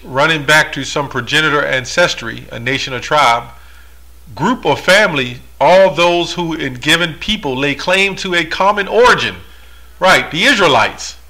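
Man, bright voice, scripture-reading monologue, rhetorical asides. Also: a little high. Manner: reads verses aloud and explains them, rhetorical asides. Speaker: religious commentator.

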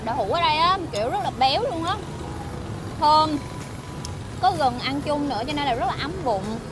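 A woman's voice: sits high, expressive, normal speed, noisy background. A woman food vlogger chatting upbeat to viewers while talking between bites of food. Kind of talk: casual food vlog talk to viewers. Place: outdoors on a busy city street.

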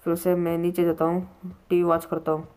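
A man's voice: fairly high pitch, completely flat delivery, a little fast, a little mellow, clear, resonant tone. A man hosting his gaming channel, giving jumpy let's-play commentary on a horror game, often yelping in fright and talking to viewers.

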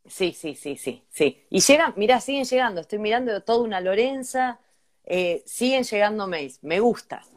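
A woman's voice: medium pitch, animated, normal speed. An Argentine woman co-hosting a casual comedic chat, reading listener emails aloud with joking asides. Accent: Argentine Spanish. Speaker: podcast co-host.

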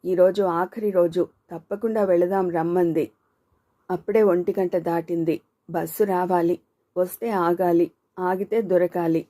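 A woman's voice: fairly low pitch, steady tone, unhurried, warm tone. A woman voicing Meera, a reserved and anxious young woman who answers guardedly. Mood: uneasy. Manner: hesitant, guarded replies.

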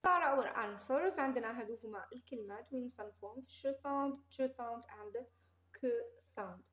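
A young woman English teacher with an Algerian Arabic accent, reviewing for an exam. She says English words slowly and carefully, then explains them in quick Arabic asides. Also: fairly high pitch, a bit bright, roomy sound.

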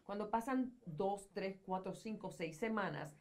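Seated in an armchair on a studio set, a middle-aged woman guest on an advice talk show speaks at a measured pace in a medium pitch. A social communicator, she counsels earnestly and explains things conversationally, her gestures broad.

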